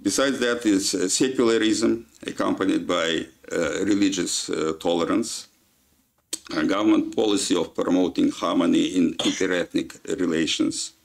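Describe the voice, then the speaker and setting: A man with a Kazakh accent gives a formal lecture, pausing often on filler sounds. His voice sits very low and carries a heavy gravelly fry. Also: fairly even intonation. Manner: halting, with frequent "uh" fillers. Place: lecture hall.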